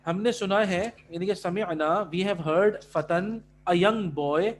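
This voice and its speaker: A man's voice: high-pitched, a little hiss or hum. A male Arabic teacher explaining words in a class, switching between Urdu and English and often checking that students follow. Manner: mixes Urdu and English, keeps checking understanding.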